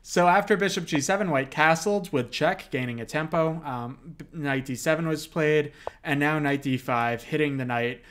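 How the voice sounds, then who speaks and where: Man calmly walking through chess moves. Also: fairly high pitch, moderate pace, hardly any pauses. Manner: explains moves steadily with frequent fillers. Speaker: chess commentator. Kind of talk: analytical casual commentary.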